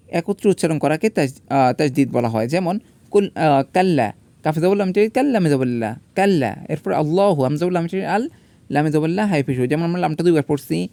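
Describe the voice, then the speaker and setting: A man's voice: a little high, mellow, no echo. A man teaching a grammar lesson. He spells out letters and vowel marks one by one, then asks his own questions and answers them himself.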